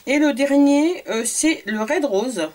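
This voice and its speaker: A woman's voice: high-pitched, animated, takes it slowly, darkish tone, slight background noise. A woman from France, a beauty vlogger, chatting casually through a shopping haul video, hesitant with many fillers and repeated words.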